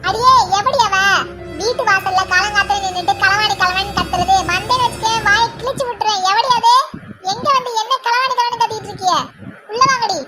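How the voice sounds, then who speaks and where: A woman voicing a loud, touchy old woman friend who shouts indignantly, with a Tirunelveli Tamil accent. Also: very high-pitched, moderate pace, loud music behind the voice. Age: older.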